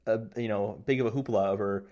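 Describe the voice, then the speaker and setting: A man's voice: on the low side, quick pace, highs cut off. A man co-hosting a casual gaming podcast, talking eagerly and correcting himself as he goes. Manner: rambling, self-correcting, excitable. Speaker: podcast co-host.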